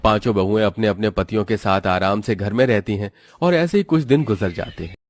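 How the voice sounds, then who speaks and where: Low-voiced male storybook narrator. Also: a little fast, no room sound. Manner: steady, explanatory storytelling.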